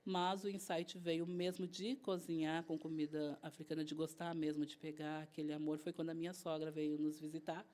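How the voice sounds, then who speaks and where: A guest chef, a woman, speaks in a low, warm voice with a level tone at a moderate pace and few pauses. Chatty in a casual interview, she tells stories with a southern Brazilian Portuguese accent, acting out bits of dialogue.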